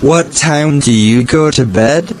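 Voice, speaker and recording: A man's voice: a little high, slow, a little hiss or hum. A man asking simple scripted questions in a repeated language-practice dialogue.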